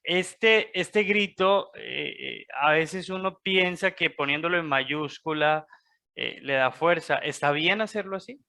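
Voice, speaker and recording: A man taking part in a writing workshop, asking a question in a slow, hesitant way with fillers. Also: fairly high pitch, creaky, sharp tone. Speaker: workshop participant.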